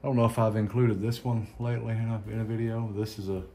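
A man with a Southern accent, hosting a casual unboxing chat in an unhurried, halting way with many ums and restarts. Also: on the low side, level tone, warm tone, slight background noise. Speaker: cigar channel host.

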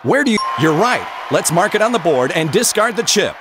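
An actor playing an upbeat game show host in a video game, with scripted lines. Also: male voice, sits high, big pitch swings, brisk, noisy background. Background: game show music.

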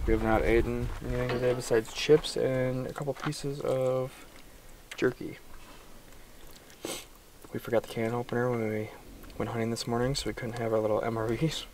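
A man's voice: medium pitch, level tone, moderate pace, long pauses, a little mellow, distant mic, a little hiss or hum. Easygoing young man vlogging outdoors. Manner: easygoing, chatty, with fillers. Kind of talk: casual camp vlog. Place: outdoor camp at night beside a truck.

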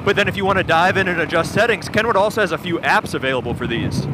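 A fast-talking man with a high voice reviews gear as a video producer while riding his motorcycle. Through a helmet intercom picking up wind and engine noise, he explains the features in detail in a matter-of-fact, casual way.

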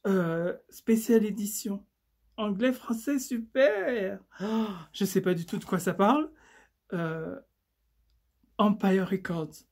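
A woman, chatting in a casual unboxing haul vlog; excitable, swearing often and stumbling over her words. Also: mid-range voice, slow, vocal fry. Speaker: vlogger.

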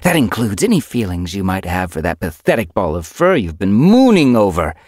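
A man's voice: fairly low pitch, huge pitch swings, moderate pace, darkish tone, dry recording, studio quality. A man voicing a scolding ghostly she-cat. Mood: scolding, furious. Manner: harsh, scolding, contemptuous. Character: vicious female ghost cat, cold and bullying.

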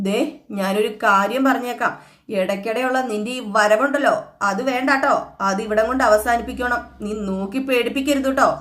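A woman's voice: a little high, brisk, a bit bright, close to an everyday voice. A woman voicing a bossy scolding mother-in-law. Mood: threatening. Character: domineering middle-aged mother-in-law. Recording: echoey room.

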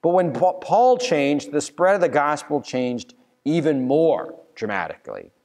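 A man's voice: on the high side, very animated, a little slow, a little mellow. A young adult man preaching a sermon as pastor from a church pulpit, telling the story earnestly with restarts and fillers. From United States. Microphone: pulpit mic from a far camera. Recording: long church reverb.

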